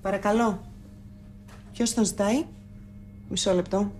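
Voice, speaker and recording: An actress playing a brisk woman taking calls. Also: mid-range voice, steady tone, background noise, close to an everyday voice. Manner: brisk, businesslike. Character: brisk woman on the office phone.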